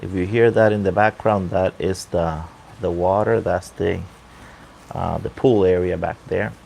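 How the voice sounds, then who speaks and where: A man talking casually off the cuff on a livestream, halting and unhurried, keeping his voice down outdoors on a balcony. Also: deep voice, steady tone, creaky, a little mellow. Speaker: livestream host and pipe hobbyist. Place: outdoor balcony at night near a pool. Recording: faint water noise in background.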